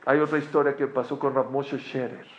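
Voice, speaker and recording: A man who tells a teaching story in a sermon, animated and swinging between loud and hushed. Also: mid-range voice, brisk, highs cut off, slight background noise. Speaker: religious teacher.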